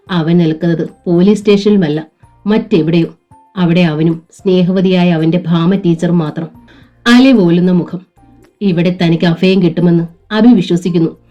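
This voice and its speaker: A woman narrating a serialized novel in a steady, emotive storytelling manner. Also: lowish voice. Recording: dull lo-fi with faint music.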